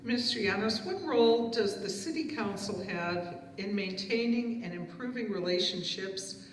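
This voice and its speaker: A woman's voice: medium pitch, measured pace, a little hiss or hum. A woman moderating a candidate forum, formally reading out questions. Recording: echoey hall, mic far off.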